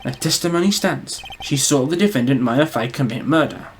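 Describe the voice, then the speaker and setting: A man's voice: mid-range voice, expressive, normal speed, a little hiss or hum, lightly acted. A man voicing a formal, pompous older judge in a courtroom game.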